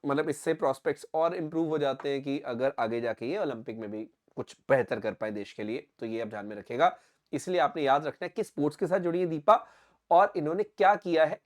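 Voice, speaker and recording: A young Indian man teaching a current affairs lesson for exam candidates, explaining step by step, often checking that it is clear and slipping into English phrases. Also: a little high.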